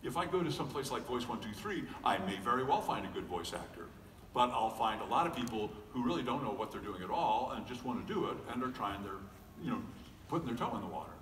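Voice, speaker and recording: Fast and expressive, a middle-aged American voice actor with a medium-pitched, slightly bright voice jokes about himself to a convention audience, piling on fillers and restarts. The recording is distant and echoey, from a large hall with faint background noise.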